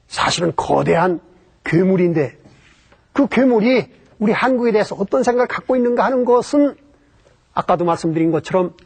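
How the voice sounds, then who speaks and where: A man's voice: high voice, a little mellow, slightly rough. A man giving a history lecture about Japan, explaining step by step and posing rhetorical questions that he then answers himself.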